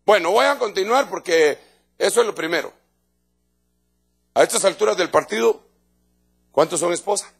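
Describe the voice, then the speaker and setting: Gravelly, high-voiced Guatemalan preacher. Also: male voice, animated, normal speed, pauses often, soft background music. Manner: emphatic, conversational preaching to the congregation; repeats words and restarts phrases. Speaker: pastor. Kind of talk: evangelical sermon. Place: church in front of a congregation.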